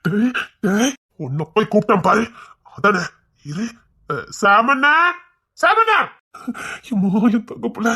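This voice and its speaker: A performer in a homemade family drama shouts and scolds in loud outbursts. The pitch swings widely from line to line. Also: lively intonation, normal speed, vocal fry, husky. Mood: doting.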